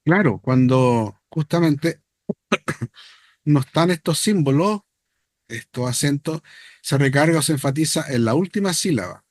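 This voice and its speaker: Patient teacher, dry sound. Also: male voice, on the high side, lively intonation, unhurried, no echo. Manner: patient, explains step by step, checks with "¿ya?" and "¿no?". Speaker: Hebrew teacher. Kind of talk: online class explanation.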